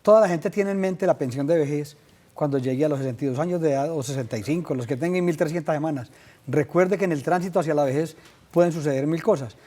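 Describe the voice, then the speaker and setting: Mellow-voiced Colombian man explaining law. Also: on the high side. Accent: Colombian Spanish. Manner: measured, explanatory, uses many fillers. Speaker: legal expert guest. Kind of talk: explaining pension law on a call-in show. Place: TV studio.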